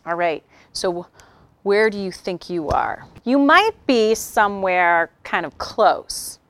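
A woman giving a workshop talk to an audience, telling stories with animated acted-out quotes. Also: mid-range voice, takes it slowly. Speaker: workshop speaker.

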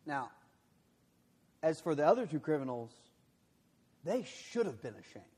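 Pastor guy preaching, chatty, mocks in quotes and goes quiet and heavy, slightly high voice. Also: very animated, moderate pace, husky, big-room sound. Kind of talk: sermon.

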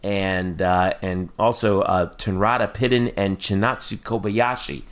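A man hosting a casual sports talk show, often halting as he searches for his words. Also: sits low, fairly even intonation. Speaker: sports podcast host.

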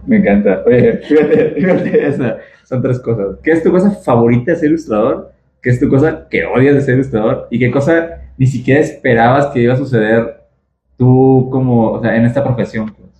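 A man's voice: mid-range voice, a little fast, dark tone, roomy sound. A man hosting a podcast, asking questions in a chatty, informal way with slang fillers, recorded in a booth at a festival. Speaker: podcast host. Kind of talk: casual interview.

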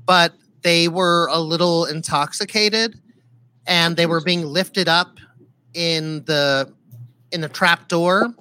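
Woman host, playful storyteller, bright and forceful voice. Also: lowish voice. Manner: playful, acts out voices in her stories. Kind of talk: casual chat.

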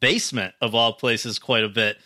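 Bright-voiced male podcast host. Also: mid-range voice, fairly even intonation, normal speed, no room sound, studio quality. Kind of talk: scripted intro then interviewing.

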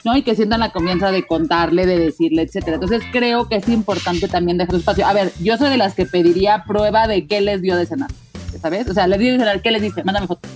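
Woman, Mexican accent, thirties, frank casual chat, mid pitch, faint music. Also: fast talker, a little mellow. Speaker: podcast co-host, mother.

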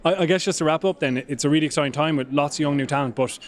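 A man's voice: fairly high pitch, rapid-fire. A man asking questions as a sports interviewer in a casual, conversational style.

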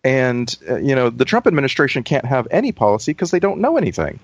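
A man's voice: medium pitch, big pitch swings, quick pace, breathy edge, dry recording, lo-fi sound. A man co-hosting a casual panel chat, stammering and restarting his sentences often. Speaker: podcast co-host.

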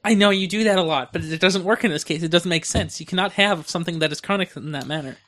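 Male podcast host, pedantic straight man, high-pitched and bright. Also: quick pace. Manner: dry, skeptical, pedantic correcting. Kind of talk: casual podcast banter.

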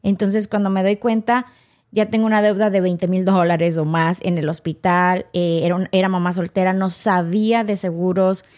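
A woman's voice: fairly low pitch, normal speed. A woman, a podcast guest telling her own story with emotion and acting out the people in it. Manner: animated, acts out quoted dialogue.

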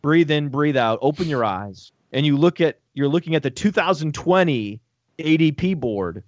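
A man talking fantasy football on a casual sports podcast, excitable and joking, with profane rapid asides. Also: fairly high pitch, no echo. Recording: dull lo-fi dry audio.

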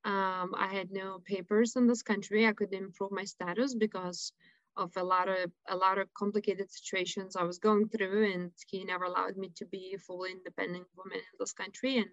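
Lithuanian-accented woman, earnest and halting. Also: mid-range voice, a bit bright, no echo, lo-fi sound. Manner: earnest, halting, with frequent fillers. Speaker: radio guest. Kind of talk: personal storytelling interview.

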